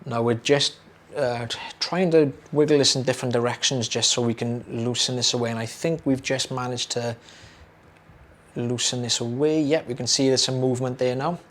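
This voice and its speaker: Explaining a procedure to camera, a young British man who works as an audiologist keeps things chatty and easygoing, with lots of fillers and repetition. His voice is mid-range and a little hoarse, as though going, and his speed is normal.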